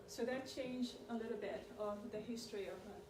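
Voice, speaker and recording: A middle-aged Chilean woman with a voice slightly higher than most women's gives an informal lecture on immigration history as a community presenter, chatting loosely and often checking in with her audience. She talks a little fast and sits far from the mic, captured across an echoey meeting room. A steady background noise runs beneath her speech.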